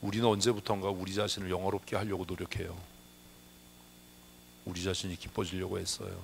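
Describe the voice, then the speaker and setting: A man's voice: low-pitched, little pitch movement, brisk, gravelly, a little hiss or hum. A man preaching a sermon as pastor, emphatic, often asking rhetorical questions. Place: church sanctuary.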